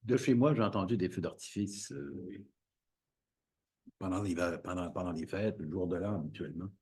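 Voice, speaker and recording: A man's voice: sits low, moderate pace, darkish tone, slightly rough. A man making informal remarks as a council member at a meeting.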